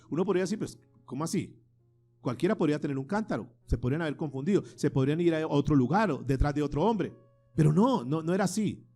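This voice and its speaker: High-voiced pastor preaching. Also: male voice, warm tone. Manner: preaching with rhetorical questions and call-and-response. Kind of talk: sermon.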